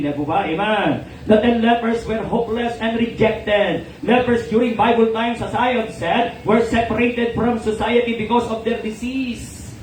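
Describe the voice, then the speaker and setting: A man with a Filipino accent delivers a sermon, moving between Tagalog and English and checking in with his listeners. His voice sits very high. He is recorded from a distance in an echoey hall, with faint noise underneath. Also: darkish tone. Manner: preaching, mixing Tagalog and English, calling "amen?" often. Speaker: pastor. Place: church hall.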